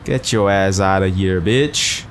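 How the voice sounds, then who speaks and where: A gaming video host with a deep voice and measured pace runs a casual let's play, commenting on the game in slangy, profane language. Noisy game sound plays behind him.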